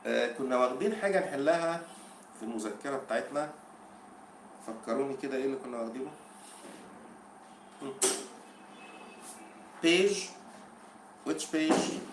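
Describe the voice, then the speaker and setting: A man with an Egyptian Arabic accent teaching English for an exam, explaining in Arabic between slow English quotes and asking the class questions. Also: mid-range voice, lively intonation, reverberant, noisy background. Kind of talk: exam-prep lesson.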